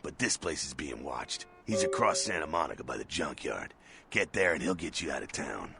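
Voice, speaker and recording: A man voicing a gruff, streetwise male vampire helper in a video game, talking in an urgent, blunt and sardonic way. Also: very deep voice, big pitch swings, normal speed, music in the background, full character voice.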